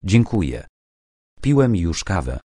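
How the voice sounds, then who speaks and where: A man's voice: low-pitched, sing-song, slow pace, mellow, husky, no room sound, studio quality, full character voice. A man voicing a tense, wary young male archaeologist who gives short, guarded replies in an audiobook. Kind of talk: audiobook character voice.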